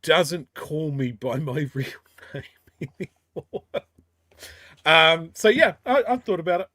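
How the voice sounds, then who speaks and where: A man's voice: fairly high pitch, very animated, a little slow, pushed and bright, dry recording, studio quality. A man with a broad New Zealand accent, co-hosting a talk show and telling personal anecdotes in casual chat.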